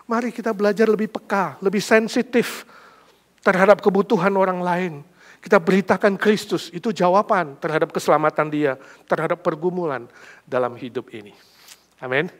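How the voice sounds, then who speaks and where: A middle-aged male pastor preaching a sermon with emphatic, lively storytelling that builds to loud peaks. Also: sits high, normal speed.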